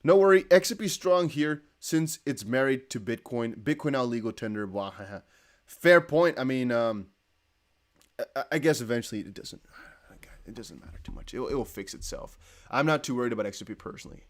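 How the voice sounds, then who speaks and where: On his crypto livestream, a young man whose first language is Dutch wanders from thought to thought, correcting himself and reading viewer comments aloud in a chatty tone. His medium-pitched voice is brisk, with lively intonation.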